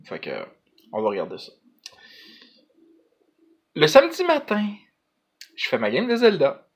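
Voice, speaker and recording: A man's voice: a little high, huge pitch swings, measured pace, breathy edge. A man with a Quebec French accent chatting casually to camera as a vlogger, hesitant and rambling, in colloquial slang.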